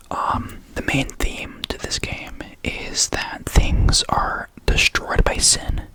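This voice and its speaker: A young adult ASMR creator whispers softly and without voice, close to the mic, rambling casually with a lisp and the occasional stutter. The recording quality is low.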